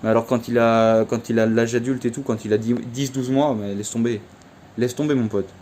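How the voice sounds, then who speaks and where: A young man talks through his day in a relaxed, slangy vlog ramble, leaning on fillers as he goes. His voice is mellow and warm. There is a faint hiss under the recording. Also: medium pitch, fairly quick. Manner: chatty, slangy, many fillers like "en fait". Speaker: vlogger. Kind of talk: casual storytelling vlog.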